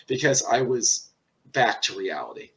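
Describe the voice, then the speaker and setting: A man telling a personal story in a casual, rambling way, swearing often and pausing on fillers. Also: medium pitch, very animated, a bit bright, recorded from a distance. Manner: profane, rambling, halting with many fillers. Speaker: channel host.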